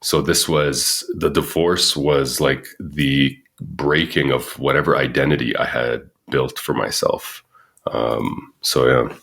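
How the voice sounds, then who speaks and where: A man in his thirties telling his personal story in an earnest, halting way, searching for words. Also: very deep voice, steady tone, gravelly, fairly bright tone. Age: 30s. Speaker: guest.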